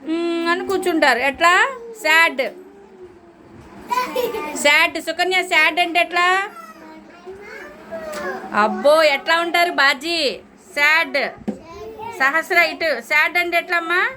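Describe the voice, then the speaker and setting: High-voiced woman teacher coaxing a class. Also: fairly even intonation, normal speed. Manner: coaxing, calling on children by name. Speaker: teacher of young children. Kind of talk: classroom lesson. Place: classroom full of children. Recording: noisy classroom recording.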